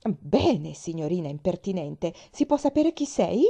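A woman's voice: mid-range voice, animated, brisk, warm tone, pitched above the performer's own voice, natural voice. A woman voicing an irritable, bedridden woman of forty who complains sourly. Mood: peevish. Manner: sour, complaining.

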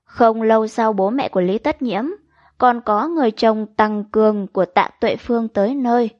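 A woman reading a crime novel aloud as an audiobook narrator, in an even, measured storytelling manner. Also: on the high side, dry recording, lo-fi sound. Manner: even, measured storytelling with quoted dialogue read in.

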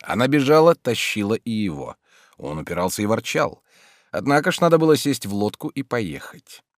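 A man narrating an audiobook in an even, measured storytelling manner. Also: on the low side, dry recording, studio quality.

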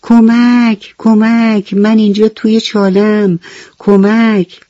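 A woman's voice: lowish voice, fairly even intonation, darkish tone, dry recording, dull audio, natural voice. A woman voicing a small, sulky, stubborn baby chick in a radio bedtime story, with childlike pleas for help. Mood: pleading. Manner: childlike pleading cries for help.

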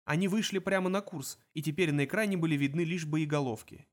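A man narrating an audiobook in an expressive reading manner. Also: on the high side, quick pace. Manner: expressive, voices the characters. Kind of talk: scripted narration.

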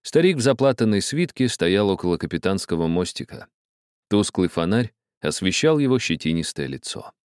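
A man reading a story aloud as narrator, with an expressive delivery. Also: sits low, normal speed, smooth, no echo, clean studio sound.

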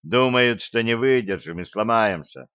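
A man doing a gruff, hot-tempered gang boss who talks in coarse slang and blunt threats, raising his voice above the narration. The audiobook voice sits close and dry on a slightly dull recording. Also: lowish voice, measured pace, a bit bright, no echo. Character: rough, hot-tempered male gang leader. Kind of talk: audiobook character voice.

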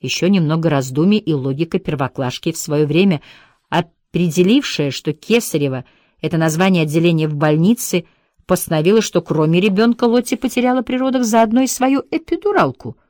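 A woman calmly narrating an audiobook in an even storytelling manner. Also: fairly low pitch, a little fast, no echo, studio quality. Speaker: audiobook reader. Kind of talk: scripted narration.

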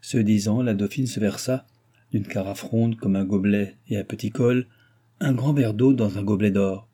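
A man narrating a classic novel as an audiobook in even, measured storytelling. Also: lowish voice, breathy edge.

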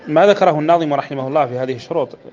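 A man's voice: fairly high pitch, darkish tone, lo-fi sound, slight background noise. A man from Mauritania, teaching a religious lesson by explaining a poem line by line. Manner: slow measured chanting of verse, then brisk explanation. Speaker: Islamic scholar teaching a text.

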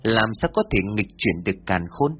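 A man doing a calm wise traveler. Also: on the low side. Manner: measured, courteous. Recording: dull lo-fi, faint music.

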